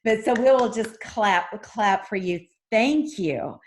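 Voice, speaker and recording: A woman's voice: mid-range voice, slow, a little mellow, a little hiss or hum. A woman hosting a group video call, effusively thanking the speaker. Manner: gushing, effusive. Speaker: call host.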